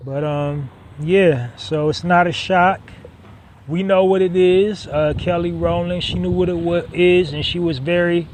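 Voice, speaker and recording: A man talking through his solo podcast, his voice sitting a bit higher than most men's. He speaks conversationally, repeats his points for weight and fills his pauses with "um", with a faint hiss of noise underneath. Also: fairly even intonation, a little mellow. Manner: conversational, emphatic repetition, frequent "um" fillers. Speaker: podcast host.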